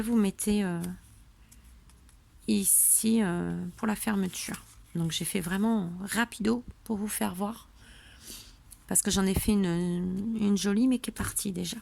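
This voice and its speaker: A tired, drowsy woman hosts a papercraft tutorial at home, rambling casually with plenty of fillers. Her mid-range voice has vocal fry and a darkish tone, captured by a camera on a tripod.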